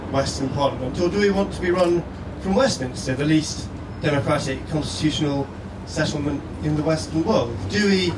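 Brisk and barely pausing, a Scottish man with a slightly high voice delivers a persuasive letter he has prepared, speaking earnestly and rhetorically. He is the guest speaker at a live stage event held indoors. Echo, distant miking, and continuous background noise mark the recording.

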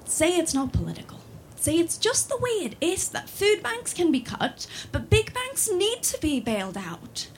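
A woman in her 20s from Sweden has a high voice, heard with slight background noise. Her talk is peppered with fillers and do-overs until she switches to reciting a spoken word poem whose refrains keep coming back.

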